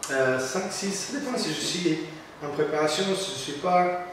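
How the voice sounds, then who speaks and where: A man with a Portuguese accent answering casual interview questions in halting, non-fluent French with a foreign accent. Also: a little high, lively intonation, a bit bright. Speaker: interviewee, competitive physique athlete. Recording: echoey room, distant mic, faint noise.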